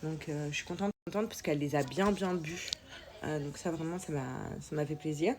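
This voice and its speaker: Young mum vlogger, female, low register, blocked nose and sore throat, loose colloquial delivery. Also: brisk, a crowd in the background. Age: young adult. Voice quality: congested, nasal, sore-throated. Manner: informal, colloquial, hesitant. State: coming down with a cold, sore throat. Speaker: mother vlogging about family life. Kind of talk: casual chat to followers.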